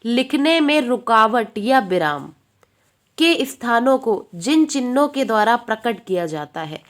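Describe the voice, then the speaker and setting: A woman teaches an exam-prep lesson in a fairly high voice. She goes over each point more than once, poses questions to her students and answers them herself. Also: very animated, a little slow.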